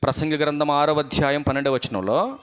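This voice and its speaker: A man's voice: fairly high pitch, steady tone, brisk, clean tone. A male preacher with a Telugu accent giving a sermon, keeping the congregation engaged with rhetorical questions and passionate appeals.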